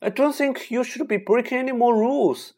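Man doing a high, flustered schoolboy. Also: a little fast, dark tone. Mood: defiant. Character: nervous but brave schoolboy.

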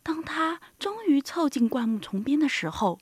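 Expressive woman reading a children's story. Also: sits high, normal speed, no echo. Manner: expressive, soft asides.

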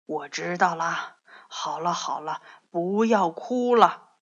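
A woman voicing a protective male tyrannosaurus father in a storybook, speaking low and gruff. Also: takes it slowly, a bit bright. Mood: soothing. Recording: dull lo-fi audio.

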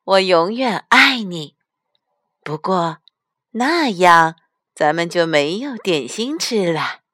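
A woman voicing a patient, loving mother bear in a storybook, speaking in a warm, reassuring way. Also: lowish voice, lively intonation, slow pace, no echo, full character voice.

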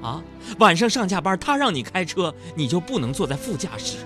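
A man doing a stand-up comedy monologue. He talks to the audience in an animated, mock-indignant way. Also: high-pitched, fairly quick, music in the background.

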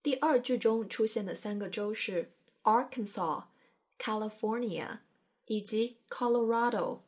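Faint music plays behind a woman whose voice is on the high side, unhurried, a little mellow, and breathy at the edges. She hosts an English-learning program, narrating an educational podcast with chatty, playful explanations and careful pronunciation demos.

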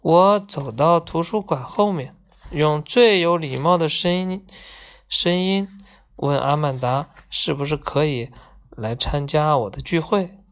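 A woman reading a children's storybook aloud, gently voicing each character in turn. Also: low voice. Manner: slow, gentle, acts out each character's lines.

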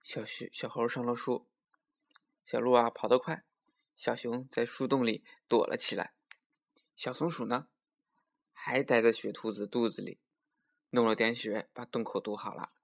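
A man narrating a children's bedtime story in a gentle, expressive way. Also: medium pitch, vocal fry. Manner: gentle, expressive, slow at times.

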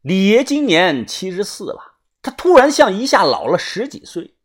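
A man's voice: high-pitched, very animated, normal speed. A man narrating a story in a chatty storytelling manner, speaking directly to his listeners.

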